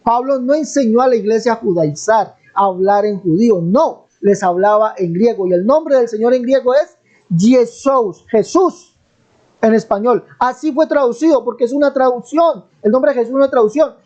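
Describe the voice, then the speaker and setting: The recording is muffled, and the man's voice is very high and a little mellow. He's Colombian, speaking with a Colombian Spanish accent, teaching the Bible in a live online debate: preachy, emphatic, stretching out stressed words, and insistently repeating his question to press his point.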